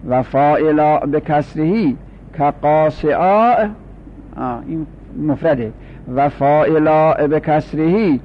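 A man teaching a grammar class, explaining slowly and repeating each form for his students. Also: medium pitch. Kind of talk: classroom lecture. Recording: dull lo-fi recording with faint hum.

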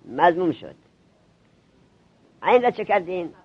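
A man teaching a classroom grammar lesson to seminary students, drilling them with quick questions. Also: high-pitched, big pitch swings, breathy edge, muffled recording.

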